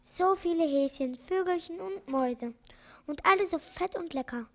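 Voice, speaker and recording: A woman's voice: very high voice, normal speed, a bit bright, pitched above the performer's own voice. A woman voicing a greedy but meek male crocodile in a read-aloud children's storybook, speaking in a pleading, wheedling way.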